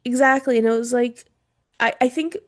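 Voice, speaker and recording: A woman's voice: a little high, moderate pace, no room sound, clean studio sound. A woman co-hosting a podcast in casual chat, chatty and laughing often, her throat irritated from smoke. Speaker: podcast co-host.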